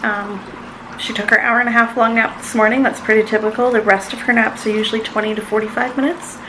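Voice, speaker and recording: A woman's voice: fairly high pitch, little pitch movement, fast talker. A young woman casually narrating a home vlog, tracking times and minutes in a matter-of-fact way. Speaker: vlogger parent. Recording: noticeable background noise.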